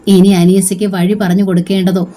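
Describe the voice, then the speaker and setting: A woman's voice: mid-range voice, brisk. Woman reading an audiobook novel. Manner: steady, expressive storytelling. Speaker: novel narrator. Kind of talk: dramatic audiobook narration.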